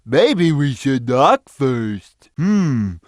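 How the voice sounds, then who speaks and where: A man voicing a big, gentle, slow-witted cat in a video game, with a simple, childlike, drawn-out delivery. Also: medium pitch, sing-song, no room sound, clean studio sound. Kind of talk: video game character voice lines.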